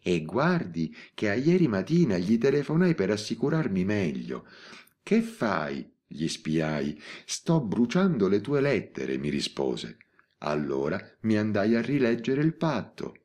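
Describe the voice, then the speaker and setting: A man reading an audiobook voices an elderly spinster in her eighties who calmly and matter-of-factly confesses. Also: fairly low pitch, unhurried. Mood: serene. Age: 80s. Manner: composed, matter-of-fact confession. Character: elderly spinster woman, calm and unrepentant.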